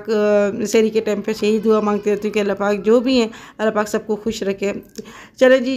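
A middle-aged Pakistani woman with a somewhat high, slightly mellow voice cooks in a home kitchen while chatting casually to her viewers. This cooking vlogger is talkative and devout and uses many fillers.

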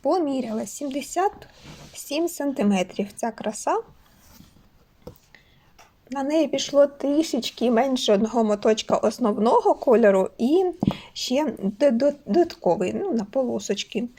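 With a high-pitched voice, lively intonation and a dark tone, a Ukrainian crochet toy maker chats cheerfully at a measured pace as she displays her toys in a casual vlog.

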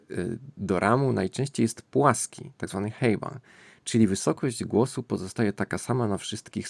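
A man hosting a language-learning lesson, talking it through in a thoughtful, musing way and often pausing to find his words. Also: on the low side, creaky, no echo. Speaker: language-learning channel host. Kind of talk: explanatory screen-recording lesson.

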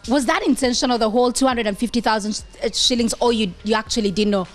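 A woman's voice: on the high side, quick pace, faint music behind. Teasing Ugandan woman talk host. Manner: teasing, playful. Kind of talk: casual talk-show chat. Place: hair salon studio set. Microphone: handheld.

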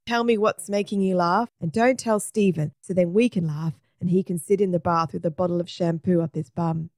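A woman's voice: lowish voice, fairly even intonation, brisk, a little mellow, dry recording, lightly acted. Sensible little girl, dry and teasing, read by a woman, plain dry sound. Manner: matter-of-fact, teasing.

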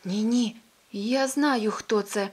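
A woman's voice: on the high side, slow, darkish tone, husky. A woman voicing a kindly old farmer in a children's storybook, talking in a fussy, coaxing, grandfatherly way. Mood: firm. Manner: fussy, coaxing, scolding at times.

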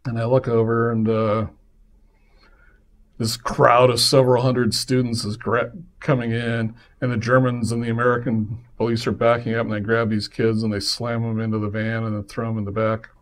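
In a mid-range voice at a moderate pace, a man hosting a podcast relates a personal story in an easygoing way. His delivery is lively, with acted-out voices for the characters he quotes.

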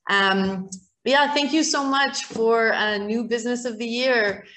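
A woman's voice: a little high, unhurried, a bit bright. A woman who owns a business gives a chatty thank-you speech for an award, with many fillers and restarts. She speaks from a distillery still room, and her voice echoes around it. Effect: room echo around the voice. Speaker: business owner accepting an award.

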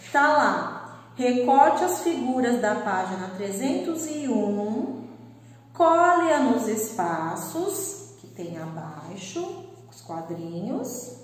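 A woman teacher giving a recorded lesson to pupils, patiently spelling out syllables. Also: on the high side. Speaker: school teacher. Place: classroom with a board. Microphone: camera at a distance. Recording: echoey room, far from the mic.

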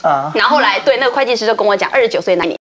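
A woman, a talk show guest telling a story in a lively way, acting out other people's lines. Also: mid-range voice, racing. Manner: lively, acts out others' lines, laughs often. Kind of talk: animated storytelling.

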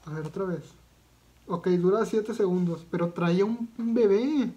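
A man's voice: sits high, moderate pace, mellow, lo-fi sound. Slangy Mexican man reacting casually. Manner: slangy and profane, with frequent fillers and restarts. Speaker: YouTube reaction vlogger.

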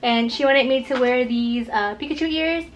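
Woman vlogger, casual and upbeat, slightly high voice, some faint background noise. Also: moderate pace, highs cut off. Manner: upbeat, chatty, playful with a child. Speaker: vlogger hosting a mukbang. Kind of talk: casual chat to camera.

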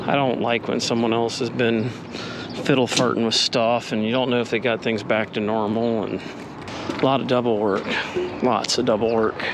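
Wry man troubleshooting over loud machinery. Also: mid-range voice, little pitch movement, moderate pace. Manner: casual, blunt and wry, thinking out loud. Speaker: HVAC technician. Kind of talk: talking aloud while troubleshooting. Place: outdoors at a trailer's HVAC unit. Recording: loud outdoor machinery noise.

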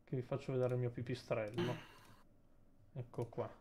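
A man's voice: medium pitch, flat delivery, normal speed, warm tone, slight background noise. A male Italian streamer in a casual group chat, joking, swearing and mumbling to himself while unpacking merch.

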